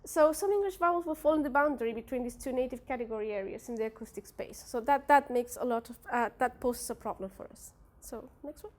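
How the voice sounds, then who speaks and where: At an academic workshop, a young woman from a Spanish-speaking country, Spanish being her first language, presents her research in Spanish-accented English. Her slightly high, darkish voice moves fast with few pauses. She is hesitant, frequently using fillers like "uh" and "like" and restarting sentences.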